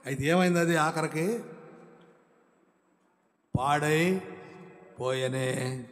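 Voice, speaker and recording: A man preaching a sermon as a pastor, asking rhetorical questions and swinging between loud exclamations and low, quiet lines. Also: slow pace, long reverb tail. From India.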